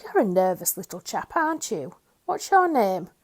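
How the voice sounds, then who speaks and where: A woman doing a kindly, gentle old tramp. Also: mid-range voice, sing-song. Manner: gentle, soothing, unhurried.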